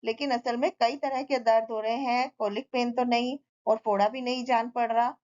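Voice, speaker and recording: A woman's voice: on the high side, fairly even intonation, normal speed, a little mellow, close to an everyday voice. A woman voicing a matter-of-fact male doctor who explains the boy's illness, in a slightly dull recording. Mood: explaining.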